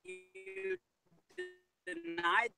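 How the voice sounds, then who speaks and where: A man calling from a moving car, his line breaking up so his voice cuts in and out in fragments. His voice sits high and sounds bright and forceful. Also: little pitch movement, very slow, vocal fry, soft background music. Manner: speaks in broken fragments. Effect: call connection breaking up, voice cutting in and out. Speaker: debate caller.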